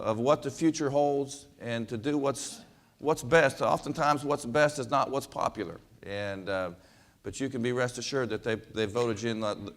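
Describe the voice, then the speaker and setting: A man from western Kansas, a basketball coach, giving a folksy storytelling speech with lots of fillers and repeated words. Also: mid-range voice. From western Kansas, USA.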